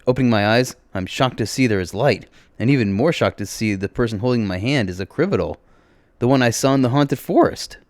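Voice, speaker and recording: A man narrating a story in the first person, expressive, with his voice jumping up on exclamations. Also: medium pitch, fairly quick, no room sound.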